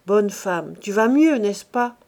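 A woman voicing an old miser, wheedling and gruff. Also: medium pitch, lively intonation, slow, darkish tone. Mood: blustering. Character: old miserly male winegrower, gruff and scheming.

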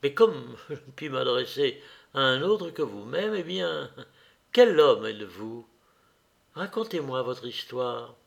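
A man reading aloud as a curious, lonely young woman in a story, slow and questioning, with a gravelly voice. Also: mid-range voice, very animated, exaggerated voice.

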